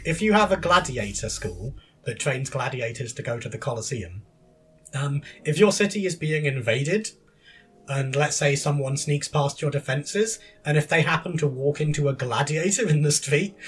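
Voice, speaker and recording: A fairly high-voiced man co-hosting a podcast, chatting casually about video games. He is chatty and breaks into giggles between sentences, with faint music behind him. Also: fairly bright tone, breathy edge. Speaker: podcast co-host.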